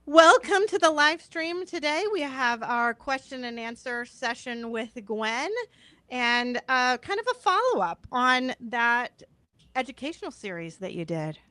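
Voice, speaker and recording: A woman's voice: sits high, expressive, a little slow, pushed and bright, dry recording. A woman podcast host chatting casually on a live stream, informal and apologetic, thinking aloud as she goes.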